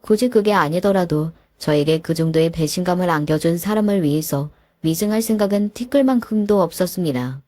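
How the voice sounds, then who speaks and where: Woman, story narrator, low voice, dark mellow tone, dry close sound. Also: a little fast, hardly any pauses, no room sound. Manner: calm, matter-of-fact retelling. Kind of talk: first-person story narration.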